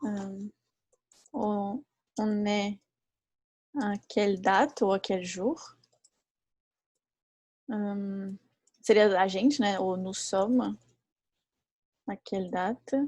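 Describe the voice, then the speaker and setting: A woman teaching a live online class who explains patiently and repeats each example slowly. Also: mid-range voice, fairly even intonation, a little mellow, dry recording. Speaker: French teacher.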